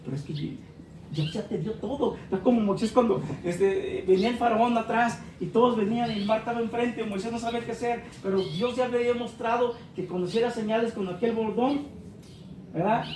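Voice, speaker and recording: A preacher giving a sermon, speaking straight to the congregation and acting out small dialogues, swinging between loud and quiet. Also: medium pitch, fairly quick. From Mexico. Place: church hall. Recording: echoey church hall recorded from far off, with background noise.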